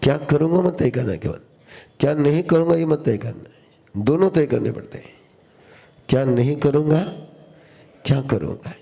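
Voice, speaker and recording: A man with a fairly high, gravelly yet mellow voice preaches as a spiritual teacher to a live audience. He teaches slowly in short, repeated phrases, using call-and-response and quizzing his listeners.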